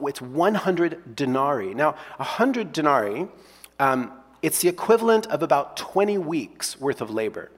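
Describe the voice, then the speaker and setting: A man preaching a sermon, emphatic and repetitive, sometimes dropping to hushed tones. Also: mid-range voice. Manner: emphatic, repeats key phrases, drops to hushed tones. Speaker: pastor. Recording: long hall reverb.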